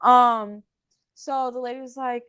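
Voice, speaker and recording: A woman's voice: fairly high pitch, a little slow, smooth. A woman in her twenties, a salon owner, telling stories in a casual interview in her nail salon with a chatty, filler-heavy manner. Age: 20s. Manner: chatty, filler-heavy with many "like"s, animated retelling.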